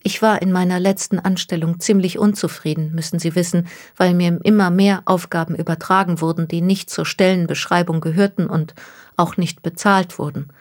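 A woman's voice: on the low side, steady tone, moderate pace, a little mellow, natural voice. Woman voicing a distraught young woman near tears. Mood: explaining. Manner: pleading, close to tears. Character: young woman, distraught, stranded by a cruel hoax.

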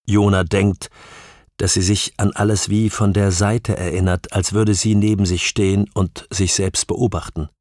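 A man narrating an audiobook in a calm, measured storytelling voice. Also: fairly low pitch, no room sound. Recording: dry close studio sound.

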